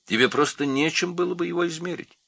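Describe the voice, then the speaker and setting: A man voicing a bossy, know-it-all male parrot in a storybook reading, brisk and declaring. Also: a little high, fairly bright tone, slightly rough, no echo, voice pushed up.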